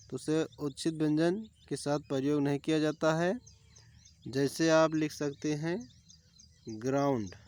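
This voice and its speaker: A man's voice: a little high, darkish tone, clean tone. Man teaching an exam-prep grammar lesson. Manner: explains step by step, repeats terms, lists examples.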